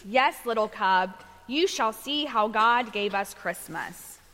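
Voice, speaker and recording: Mama bear for a storybook, voiced by a woman reader: patient, calm, slow delivery, big echoey room. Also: fairly high pitch, heavily acted. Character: patient, reassuring mother polar bear. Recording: echoey hall, long reverb.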